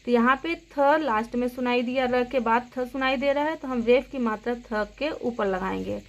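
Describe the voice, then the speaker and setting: A woman's voice: on the high side, moderate pace. A woman teaching young children a grammar lesson, speaking patiently and spelling out words sound by sound. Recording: dull lo-fi sound.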